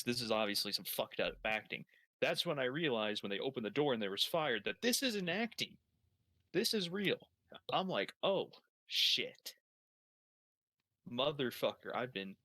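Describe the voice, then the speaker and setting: Bright-voiced man rambling an improvised tale. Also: fairly low pitch, dry recording. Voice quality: heavy swearing, rambling with many restarts. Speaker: storyteller on a gaming stream. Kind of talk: improvised comedic storytelling.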